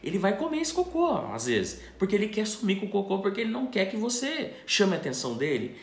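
A man's voice: high voice, wildly swooping pitch, fast talker. A man, a dog trainer explaining puppy training to camera, asking and answering his own questions. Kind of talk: instructional talk to camera. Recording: echoey room.

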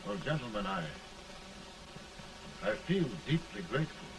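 An actor playing a humble, plainspoken frontier lawyer turned statesman, speaking slowly and earnestly in an early talkie film. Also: mid-range voice, very animated, vocal fry. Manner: slow, earnest and folksy. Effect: early talkie film sound. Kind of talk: 1930s film acting. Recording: distant, hissy early film soundtrack.

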